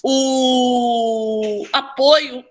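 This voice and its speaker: A woman's voice: a little high, steady tone, drawn-out words. A woman educator telling a personal story in a casual talk, often adding tag questions. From Brazil. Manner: conversational, tag questions, restarts. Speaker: educator and researcher.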